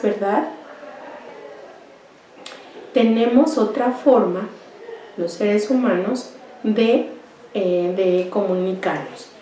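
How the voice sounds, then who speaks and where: A woman with a slightly high, dark-toned voice gives a slow, step-by-step university lecture, frequently ending points with a rhetorical "¿verdad?" and occasionally clearing her throat. She sounds distant from the mic in an echoey room, with slight background noise.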